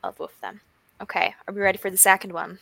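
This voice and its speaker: A woman's voice: mid-range voice, very fast, creaky, pushed and bright, dry recording. A woman moderating a panel discussion, chatty and casual, often saying "like". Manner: chatty, uses "like" a lot.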